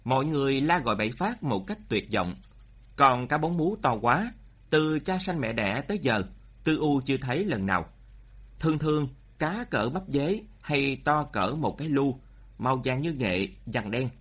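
A man narrating a story in an expressive way, speeding up and slowing down for drama. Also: medium pitch, slightly rough. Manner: expressive, shifting pace for drama.

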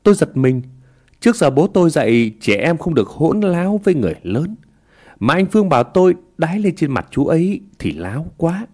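Lively-voiced man narrating a ghost story. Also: on the high side, fairly quick.

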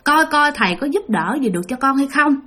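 A woman voicing an older male spirit healer who speaks softly and gently. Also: sits high, expressive, fairly quick, voice pushed up. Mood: gentle. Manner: soft, gentle, coaxing.

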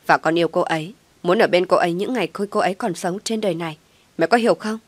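Brief: woman reading as a pleading young man in a storybook, soft coaxing, low dry voice. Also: quick pace, no room sound, natural voice.

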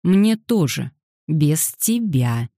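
A woman's voice: low voice, very animated, extremely slow, warm tone, no room sound, clean studio sound, full character voice. A woman voicing an annoyed schoolboy older brother who snaps and mocks in a storybook. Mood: grumbling. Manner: snapping and sarcastic.

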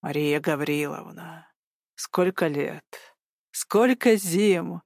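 A woman's voice: low-pitched, takes it slowly, creaky, a little mellow, dry recording, clean studio sound, pitched below the performer's own voice, heavily acted. A woman voicing a sly male district police officer whose friendliness is syrupy and put on. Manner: syrupy, mock-stern.

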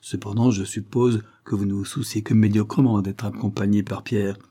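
Man reading as a calm young lawyer, firm, good-humoured, dark husky voice, storybook. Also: fairly low pitch, normal speed. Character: calm self-possessed young male lawyer.

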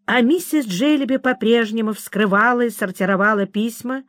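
A woman narrating a classic novel in a measured storytelling manner. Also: on the high side, a bit bright, no room sound, studio quality. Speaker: audiobook narrator. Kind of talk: scripted narration.

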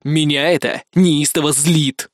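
A man's voice: on the high side, fairly even intonation, unhurried, dry recording, lightly acted. A male reader playing an angry, defiant young man who snarls and swears sarcastically, on a dry close mic.

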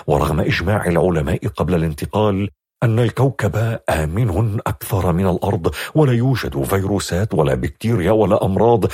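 A male narrator reading a story with an expressive, lively delivery that rises and falls. His voice sits low and is very husky and breathy, recorded dry and close. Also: no room sound. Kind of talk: audiobook narration.

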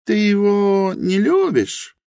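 A man's voice: high voice, big pitch swings, slow, creaky, dark tone, smooth, no room sound, clean studio sound, pitched above the performer's own voice, exaggerated voice. Man voicing a proud, passionate young woman. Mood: probing. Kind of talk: audiobook character reading.

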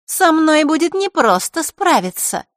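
A sweetly scheming teenage girl, played by a woman narrator taunts in a high, sing-song voice that swoops all over. The audiobook recording is dry and close. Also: big pitch swings, a little slow, no echo. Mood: taunting. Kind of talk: audiobook character reading.

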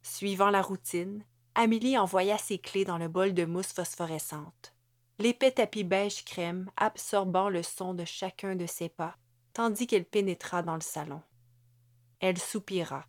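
A woman narrates a novel in a measured, steady read. Her voice sits at a middle pitch. The recording is close and dry, with no room echo. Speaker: audiobook narrator.

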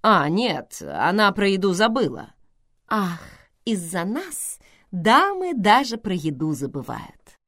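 A woman's voice: mid-range voice, sing-song, slow, a bit bright, no room sound, clean studio sound, full character voice. A woman reading an audiobook, voicing a sheepish young man who jokes his way out of feeling guilty. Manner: guilty, then joking.

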